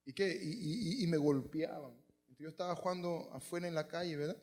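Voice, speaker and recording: A man preaching a sermon as pastor, telling stories and swinging from hushed lines to shouts. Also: a little high, a little fast. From Peru.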